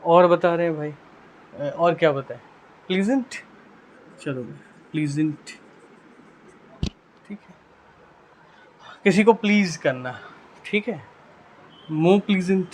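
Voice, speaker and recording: A man's voice: fairly high pitch, slow pace, long pauses, a little hiss or hum. A male English teacher with a Hindi accent explaining grammar rules in a classroom lesson, who keeps asking and answering his own questions and repeating "theek hai". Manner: repeats "ठीक है" constantly.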